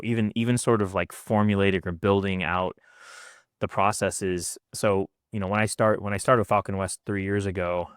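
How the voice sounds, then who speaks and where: A man's voice: on the low side, a bit bright, clear, resonant tone, no room sound, studio quality. A man co-hosting an insurance agency podcast, telling stories casually with some restarts. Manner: conversational storytelling with restarts. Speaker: founder of the insurance agency, co-host.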